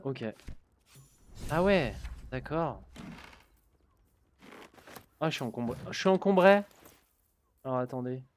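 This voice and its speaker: A gaming streamer casually jokes his way through a let's-play session, reading in-game text aloud as he goes. His voice is a little high, and the recording has no room sound.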